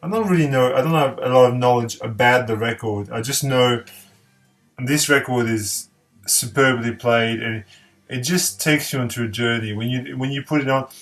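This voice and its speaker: A man's voice: medium pitch, normal speed, fairly bright tone, soft background music. A man from eastern France, reviewing records in a casual vlog, hesitant with many fillers, repeating his praise with enthusiasm. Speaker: record collector.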